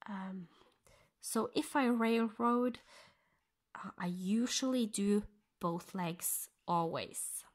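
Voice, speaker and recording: In a laid-back stitch-along tutorial, a woman from Norway talks through her cross-stitch work in English, a second language that carries her Norwegian accent. Her mid-range voice stays hushed, almost whispered, with pauses while she reasons aloud.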